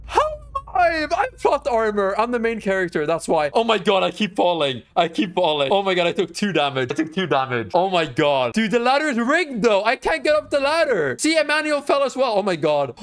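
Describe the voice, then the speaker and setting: A young man giving excitable, panicky commentary while playing a game, often yelping and shouting in alarm. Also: high voice, fairly quick, few pauses. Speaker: gaming channel host. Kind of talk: live gameplay commentary.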